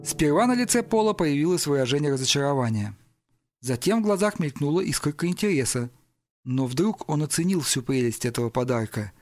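Expressive man narrating an audiobook. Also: fairly high pitch, brisk. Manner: expressive storytelling. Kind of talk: scripted narration.

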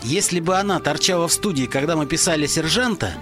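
A man voicing a tipsy, brash young male rock musician who talks loud and cocky. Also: on the high side, quick pace, music in the background, close to an everyday voice. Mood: defiant.

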